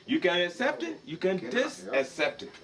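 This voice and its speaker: An older man speaks up at a community meeting in a slightly high voice. He is emphatic and passionate, repeats words as he drives his points home, and mixes a local language into his English. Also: sing-song, normal speed, gravelly, fairly bright tone. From Liberia. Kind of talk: impassioned meeting address.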